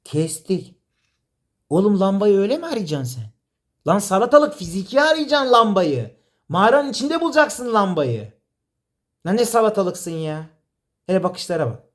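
A man's voice: sits high, big pitch swings, normal speed, long pauses. A man directing a comedy sketch, teasing and exasperated, laughing often. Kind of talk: playful directing banter.

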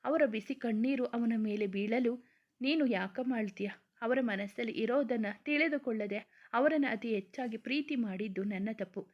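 A heartbroken young man pleads through tears, as a woman reads him in her own fairly high voice. He sounds weary and hurt. The recording is dull and lo-fi. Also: normal speed, close to an everyday voice. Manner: pleading, tearful.

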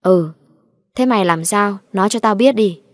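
Woman reading as a strict old village official guy, gruff and pushy, storybook ghost tale. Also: medium pitch, moderate pace, no echo, clean studio sound, close to an everyday voice. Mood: stern, demanding. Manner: gruff, demanding questions. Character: stern older village official man, interrogating.

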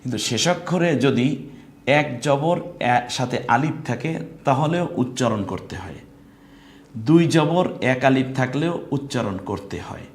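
A man's voice: mid-range voice, expressive. A man with a Bangladeshi Bengali accent teaching Quran recitation in a live online lesson, explaining patiently and drawing out example words. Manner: explains slowly, then draws out sung example words. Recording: echoey room with faint noise.

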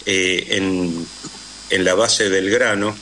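A man's voice: low voice, steady tone, takes it slowly, bright, forceful tone, slight background noise. A man with a Rioplatense Spanish accent, a guest in a radio interview, telling historical stories with frequent "eh" and "este" fillers.

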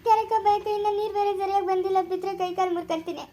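A woman's voice: extremely high pitch, fairly even intonation, very fast, warm tone, slight background noise. A woman playing a distraught village wife in a family skit, speaking in a tearful, wailing voice with a rural Chikkaballapura Kannada accent. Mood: tearful, lamenting.

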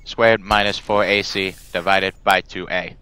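A man voicing a malfunctioning robot teacher that glitches and recites in a flat, mechanical way. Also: low-pitched, measured pace, smooth, low-quality recording. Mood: glitching. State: glitching, repeating error messages. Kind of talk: comedic skit.

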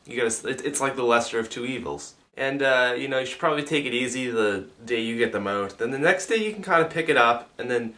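A young man rambles through a casual vlog while his mouth is still sore from wisdom teeth removal. He keeps his mouth half closed and speaks with a slight lisp. His voice sits at an ordinary male pitch. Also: fast, hardly any pauses, sharp tone. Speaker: vlogger.

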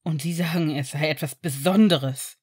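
A woman's voice: sits low, normal speed, voice pushed down. A woman doing a furious thundering werewolf father. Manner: blunt, thundering, contemptuous. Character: angry father, middle-aged werewolf man, harsh.

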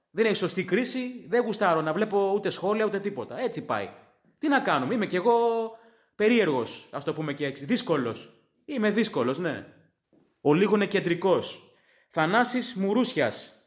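A man with a notably high voice hosts a football podcast in casual chat, reading listener comments and tossing in sarcastic, opinionated asides. His first language is English. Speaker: podcast host.

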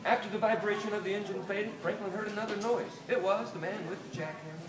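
In a small toy shop, a middle-aged children's author from Delaware, United States, reads a picture book to children in a high-sitting, steady voice, full of expression, deliberate pauses and questions for them. A crowd can be heard in the background. The distant camera a few meters off gives a roomy recording with loud room noise.

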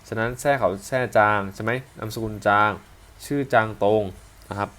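A man's voice: lowish voice, steady tone, moderate pace, sharp tone. A man with a Thai accent teaching a language lesson, patiently repeating and breaking down example sentences.

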